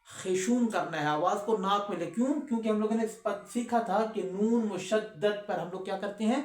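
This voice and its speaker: A man teaching recitation rules, who recites verses slowly and drawn out between quick explanations and asks his students questions. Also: high-pitched, echoey room. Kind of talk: recorded lesson with slow recitation.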